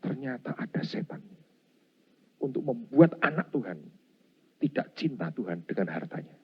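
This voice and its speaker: On a dull, lo-fi recording, a middle-aged pastor with a slightly rough, mid-range voice preaches at a moderate pace. He animates his sermon by acting out scenes and often says "Saudara" to the congregation.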